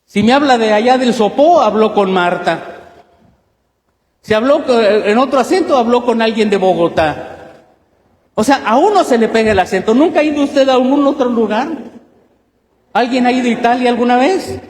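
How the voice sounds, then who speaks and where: Male Mexican pastor, emphatic sermon delivery, higher voice, long church-hall reverb. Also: lively intonation, normal speed. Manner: emphatic, asks many rhetorical questions.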